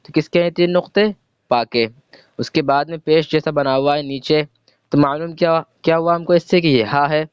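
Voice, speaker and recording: A man's voice: on the high side, fairly even intonation, smooth, no room sound. A man teaching a reading lesson, patiently spelling out letters and sounds one by one and asking questions he answers himself. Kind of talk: slow step-by-step reading lesson. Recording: dull lo-fi sound.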